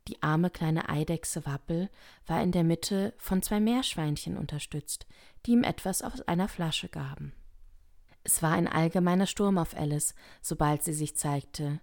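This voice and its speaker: A woman narrating a children's story in a calm, even reading voice. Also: sits low, measured pace, creaky. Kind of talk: audiobook reading.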